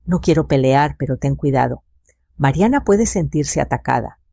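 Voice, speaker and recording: An older woman voicing a worried adult son who speaks hesitantly with a lowered voice. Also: expressive, moderate pace, gravelly, warm tone, husky, dry recording, exaggerated voice. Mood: uneasy.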